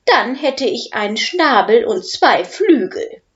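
A fussy professor over seventy protests loudly and indignantly, as a woman puts him on. He speaks slowly, and the recording is a little dull. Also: fairly high pitch, very animated, pitched above the performer's own voice.

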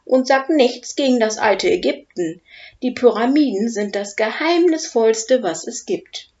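An eager young dragon boy protests with excitement, as a woman reads his lines. He speaks slowly, and the storybook recording is slightly muffled. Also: on the high side, pitched above the performer's own voice.

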